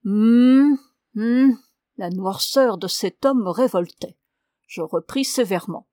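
A woman narrating a classic literary tale in a measured, expressive reading. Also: medium pitch, no echo, studio quality. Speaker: reader.

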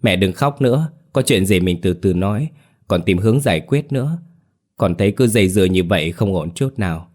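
A man voicing a young mother who coaxes her brother gently and anxiously. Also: sits low, animated, fairly quick. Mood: soothing.

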